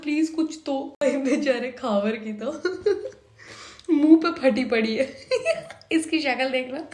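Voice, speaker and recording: A young woman reviewing a drama episode in casual reaction commentary, animated and exasperated, talking back to the screen. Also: high-pitched. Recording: echoey room.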